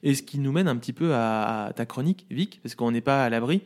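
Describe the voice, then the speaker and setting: A man's voice: medium pitch, expressive, a little mellow. A man presenting his segment on a casual podcast, hesitant and full of fillers. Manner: hesitant, many fillers, quick. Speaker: podcast co-host and columnist. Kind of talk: casual banter among friends.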